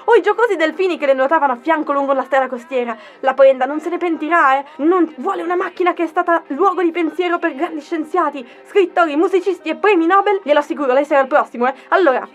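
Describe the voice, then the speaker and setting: Woman as a loud pushy car saleslady, talks super fast, high voice. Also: soft background music, natural voice. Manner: pushy, theatrical sales patter with constant tag questions. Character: pushy fast-talking female car dealer. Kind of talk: comic audio sketch.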